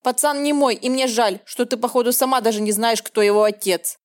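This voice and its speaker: A woman's voice: a little high, brisk, close to an everyday voice. A woman reading the lines of a cold, contemptuous man in an audiobook, in her own voice. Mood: cold scorn. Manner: scornful, dismissive.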